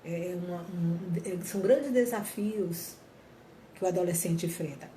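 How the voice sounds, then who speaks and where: Speaking to viewers about mental health, a woman uses a lowish, warm voice at a measured pace. Her talk is earnest and reflective, and she often restates and rewords her points. The space echoes slightly, and faint ambient noise is present.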